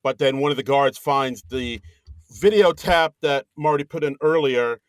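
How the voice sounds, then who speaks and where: Male podcast co-host, mid-pitch, dry close sound, chatty plot recap with quick impressions. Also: no room sound. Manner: retells scenes with quick put-on quotes and laughs. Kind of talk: casual movie recap chat.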